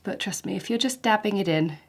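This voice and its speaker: With a touch of hay-fever snuffle, a watercolour art teacher chats gently and encouragingly through her painting tutorial. Her medium-pitched voice moves fairly quickly.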